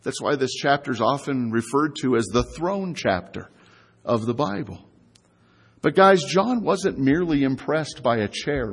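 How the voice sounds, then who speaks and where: A man preaching a sermon in a conversational style, asking his listeners rhetorical questions and slowing down to stress key words. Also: mid-range voice, breathy edge, in a large hall. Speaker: pastor.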